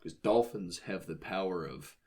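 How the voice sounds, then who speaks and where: A young man co-hosting a podcast, chatting casually with wry jokes and asides. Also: moderate pace. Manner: joking, wry asides, lively pitch. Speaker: podcast co-host. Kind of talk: casual comedic chat.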